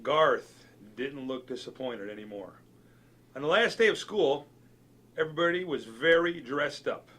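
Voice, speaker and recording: A man reading a children's novel aloud with lively, expressive storytelling. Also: medium pitch, measured pace. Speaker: reader.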